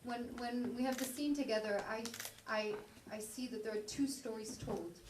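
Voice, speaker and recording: A woman with a fairly high voice speaks earnestly and with emphasis. She is off the mic in an echoey room, with faint noise behind her. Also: normal speed, far from the mic. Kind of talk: post-show talk.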